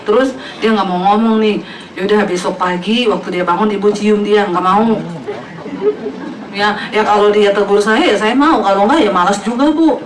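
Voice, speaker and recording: A woman pastor with a mid-range voice, speaking at normal speed, preaches a humorous sermon in a church hall before a congregation. She playfully acts out the voices of people in her stories and laughs often, heard from far off in an echoey hall with crowd noise.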